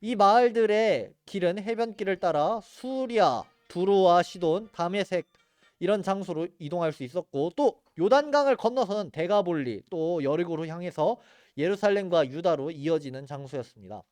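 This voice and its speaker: A man's voice: high voice, lively intonation, moderate pace, darkish tone, no echo, clean studio sound. A man teaching a church Bible geography class in an earnest, explanatory way. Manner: earnest, explanatory, points at maps and photos.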